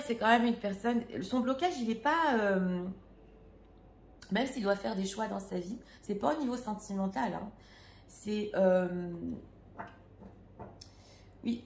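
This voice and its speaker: A woman's voice: medium pitch, a little mellow, echoey room, slight background noise. A French-speaking woman reading tarot cards for her viewers in a casual, hesitant way, full of fillers and restarts. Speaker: tarot reader.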